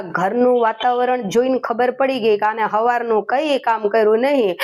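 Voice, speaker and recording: A woman narrating a moral story in a slow, repetitive storytelling way, voicing each character's dialogue. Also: a little high, darkish tone, dull audio. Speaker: spiritual storyteller.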